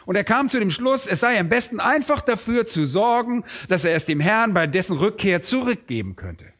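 A man's voice: high-pitched, very animated, normal speed, fairly bright tone. A man preaching an expository sermon in an emphatic, rhetorical way.

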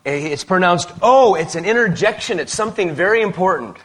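A man's voice: high voice, expressive, fairly bright tone. Emphatic preacher man, short phrases. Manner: pauses phrase by phrase for translation, emphatic. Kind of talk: sermon with live interpreter.

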